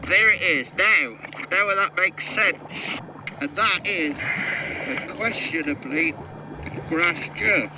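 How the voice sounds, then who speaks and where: A male diver speaking over his mask radio from underwater, giving slow, careful reports. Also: sits high. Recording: distant muffled underwater radio with loud hiss.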